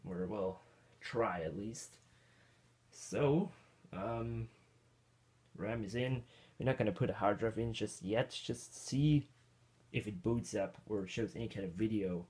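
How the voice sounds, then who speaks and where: An Austrian vintage computer hobbyist speaks slowly, with long pauses, in a fairly low, slightly mellow voice. Tinkering with an old computer for a casual hands-on tech vlog, he rambles in self-talk and chuckles often.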